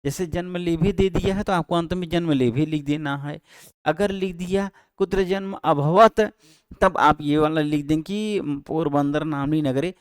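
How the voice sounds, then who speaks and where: A man's voice: a little high, smooth, no room sound. Man teaching, mic held close. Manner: explains slowly in Hindi, repeats answers, frequent fillers and self-corrections. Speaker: Sanskrit teacher. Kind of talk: exam-prep lesson. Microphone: handheld microphone held close.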